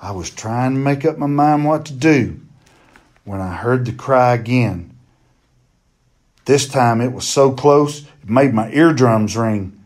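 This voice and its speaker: A man reading a children's novel chapter aloud in a steady, plain storytelling manner. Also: mid-range voice, slow pace.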